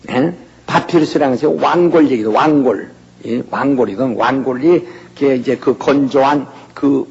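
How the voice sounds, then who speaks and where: A man's voice: medium pitch, vocal fry, darkish tone, husky. An older man giving a folksy, conversational Bible lecture, often checking in with his listeners. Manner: folksy, keeps asking "예?" to the audience. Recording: lo-fi recording in a reverberant hall.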